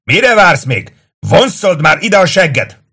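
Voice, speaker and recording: A man voicing a gruff Roman commander who barks orders from the wall. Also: sits high, very animated, sharp tone, pitched above the performer's own voice, heavily acted. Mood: bellowing. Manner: barking orders.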